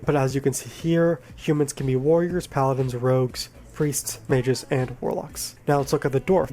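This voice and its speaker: A man with a groggy voice from being sick, casually explaining a video game in a relaxed, rambling way and correcting himself as he goes. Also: mid-range voice. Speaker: gaming video creator. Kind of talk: casual game guide talk.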